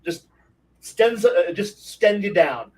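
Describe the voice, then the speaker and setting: A man who runs tabletop games, telling profane, animated stories full of gory combat detail in a casual panel discussion. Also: sits high, takes it slowly, distant mic, low-quality recording. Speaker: game master on a discussion panel.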